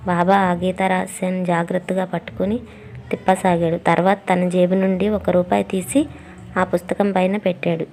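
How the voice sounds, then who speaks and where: A woman narrating a devotional story in a calm, steady reading manner. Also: on the low side, normal speed, slight background noise.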